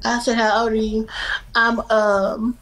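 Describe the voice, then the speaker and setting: A young woman from Louisiana, twenty, hosts a livestream from her bedroom phone with a fairly high voice. Her manner is playful and bawdy, breaking into sudden shouts. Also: flat delivery, unhurried, poor audio. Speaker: livestream host. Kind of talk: joking livestream chat. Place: small bedroom indoors. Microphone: phone camera at arm's length.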